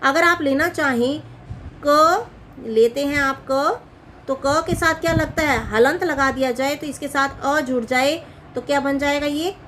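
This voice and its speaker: A woman's voice: high voice, measured pace, fairly bright tone, slight background noise. A woman explaining grammar as a teacher, asking questions and answering them herself and repeating key points. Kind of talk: classroom-style explanation.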